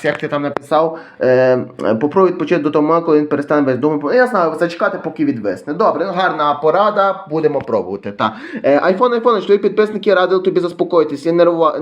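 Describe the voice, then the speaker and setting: Young western guy, quick and fairly high-voiced, casually reading out comments. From western Ukraine. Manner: reads viewer comments aloud, chatty, self-deprecating. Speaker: YouTube vlogger.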